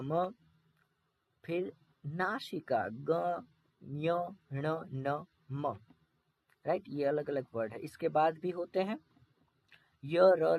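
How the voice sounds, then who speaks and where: A man's voice: on the high side, dry recording. A man teaching Sanskrit pronunciation in a casual video lesson, talking straight to viewers and sounding out letters one by one. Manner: chatty, addresses viewers directly, sounds out letters slowly.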